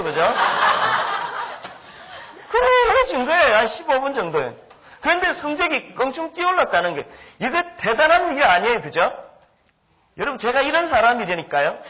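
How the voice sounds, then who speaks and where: A man's voice: very high-pitched, a little hiss or hum. A middle-aged male pastor telling a humorous story in a sermon, acting out the people he quotes. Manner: animated, humorous anecdotes with acted-out quotes. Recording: dull lo-fi recording.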